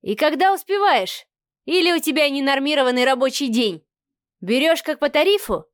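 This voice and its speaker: A woman's voice: high voice, expressive, moderate pace, no echo, clean studio sound. A woman voicing a bitter, sarcastic young man who drives a taxi, sneering and crude.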